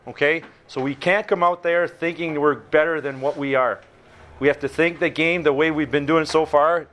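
High-voiced coach rallying his team. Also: a bit bright, slight background noise. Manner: emphatic, repeats short phrases. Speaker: hockey coach. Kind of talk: locker room pep talk. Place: locker room, indoors.

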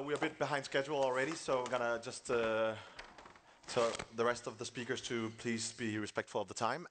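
A man moderating a conference, briskly introducing the next speaker. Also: medium pitch, fairly bright tone.

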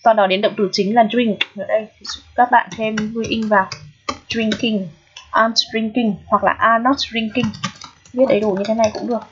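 A woman's voice: on the high side, fairly even intonation, normal speed, a little hiss or hum. A woman teacher explaining English grammar step by step, checking in with her students often. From Vietnam. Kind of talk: recorded grammar lesson. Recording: dull, lo-fi sound.

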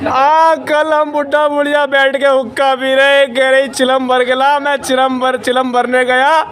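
A man's voice: very high voice, flat delivery, a little slow, a crowd in the background. A man voicing a grieving old village grandfather who sobs and wails a lament. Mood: laugh-crying. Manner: sobbing, wailing lament. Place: metro train. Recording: noisy metro carriage.

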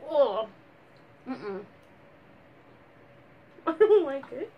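A woman's voice: high voice, big pitch swings, very slow, highs cut off, slight background noise. Young woman talking while chewing. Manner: blunt, giggly, frank opinions. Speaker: vlogger. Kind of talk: casual food taste-test chat.

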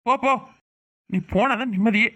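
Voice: mid-range voice, normal speed, pushed and bright. A performer with a Tirunelveli Tamil accent voicing an irritable young husband who grumbles and scolds his wife in a cartoon. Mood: scolding. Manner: nagging, complaining rants. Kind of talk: cartoon voice acting.

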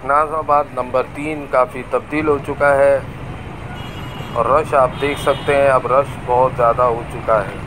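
Filmed on a camera aboard a moving bike, this male vlogger from Pakistan gives even, unhurried street tour narration through a loud market street. His voice is mid-range, and traffic and crowd noise fill the noisy outdoor audio.

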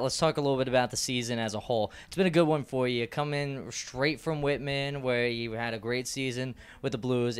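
Holding a handheld mic in front of a small indoor press backdrop, a young man hosts a postgame sports interview. His questions are long, rambling and upbeat. His mid-range voice sounds clear, with a resonant tone.

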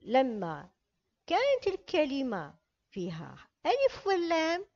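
A woman teaching a children's reading lesson, reading slowly and carefully and drawing out each word. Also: sits high, wildly swooping pitch, darkish tone. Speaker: primary school teacher. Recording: dull lo-fi recording.

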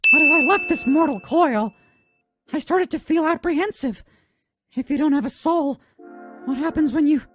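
A woman's voice: sits high, moderate pace, pauses often, over music, close to an everyday voice. A woman voicing a childlike male talking flower, bitter and scheming, in a dramatic cartoon fan dub. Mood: scornful.

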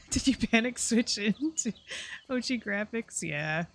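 A woman's voice: fairly high pitch, expressive, slow pace. A woman streamer chatting casually and rambling with lots of fillers while playing a game. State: hiccups. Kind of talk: casual gameplay commentary.

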